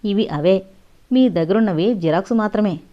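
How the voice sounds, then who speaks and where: A woman's voice: medium pitch, moderate pace, close to an everyday voice. A woman voicing a bold young woman who speaks with sarcastic defiance, in an audio novel. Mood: defiant. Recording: dull lo-fi audio.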